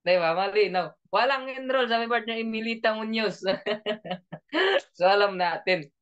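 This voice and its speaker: A man's voice: sits high, moderate pace, fairly bright tone, smooth. A man coaching an online training session, joking, laughing often and keeping his listeners engaged with questions. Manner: joking, laughs often, keeps asking the audience. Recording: dull lo-fi audio.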